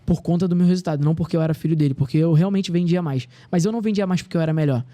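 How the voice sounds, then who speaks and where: A man's voice: a little high, rapid-fire, dark tone. A man in his thirties, a podcast guest, telling earnest personal stories in casual conversation. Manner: earnest, storytelling, reflective.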